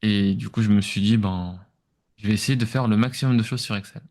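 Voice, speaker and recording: Speaking a little fast with a darkish tone, a French entrepreneur with a fairly low voice answers podcast interview questions. He explains things casually, groping for his words with some hesitation, in his accent from France.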